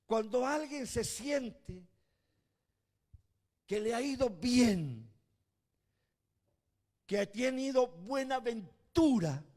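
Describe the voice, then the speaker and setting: A man preaches a sermon as a bishop, his voice sitting high for a man. He slows down to spell out words, then climbs into loud, shouted emphasis. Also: lively intonation. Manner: swings from quiet to shouting emphasis.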